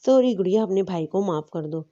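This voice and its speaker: A woman voicing a caring young man speaking gently to his younger sister. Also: mid-range voice, lively intonation, dull audio, natural voice. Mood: tender. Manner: tender, affectionate.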